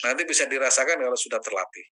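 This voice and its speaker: A man teaching as an ustaz in a religious study session, answering questions, quoting Arabic prayers and rising high in pitch when stressing a point. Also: animated, rapid-fire, pushed and bright, low-quality recording.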